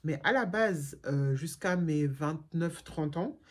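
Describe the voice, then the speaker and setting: A middle-aged German woman vlogs casually, answering viewer questions frankly and with lots of fillers and restarts. Her voice is low and slightly rough, with lively intonation, and she takes her time speaking.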